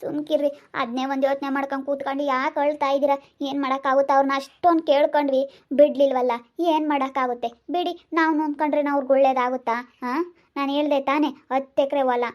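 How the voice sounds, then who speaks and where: A woman playing a high-voiced, resigned village wife. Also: flat delivery, quick pace, highs cut off, natural voice. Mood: consoling. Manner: soothing yet resigned, repeats rhetorical questions. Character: worried village wife consoling her relative. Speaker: actor in a village family drama. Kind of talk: amateur family drama acting.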